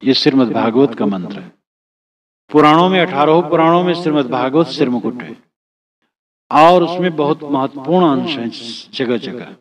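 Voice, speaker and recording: A man's voice: medium pitch, expressive, moderate pace, lo-fi sound. A man giving a religious discourse, reciting verses and explaining them phrase by phrase in an earnest, exhorting way. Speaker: spiritual teacher.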